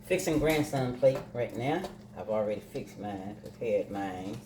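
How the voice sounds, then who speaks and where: A woman's voice: extremely low pitch, lively intonation, measured pace, warm tone, a little hiss or hum. An older woman chatting through a casual home cooking vlog, savoring her food with hums. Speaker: cooking vlogger. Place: home kitchen. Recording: echoey kitchen with clattering dishes.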